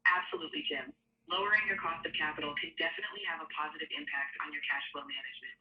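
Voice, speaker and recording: A woman's voice: deep voice, very fast, slight background noise. An AI finance coach with a woman's voice, heard over a speakerphone, answering in a fluent, upbeat, helpful way. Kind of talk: scripted assistant answers. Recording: dull lo-fi phone speaker sound.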